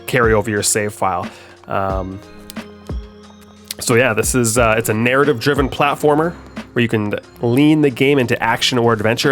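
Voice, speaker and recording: Congested from a head cold, a young man offers gameplay commentary on his own game, explaining it casually and peppering his talk with ums and uhs. His voice is mid-range with a fairly bright tone.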